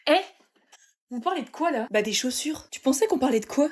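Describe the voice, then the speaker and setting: A woman's voice: sits high, expressive, fairly quick, darkish tone. A young woman performing comedy sketches, snappy and sarcastic, switching between characters.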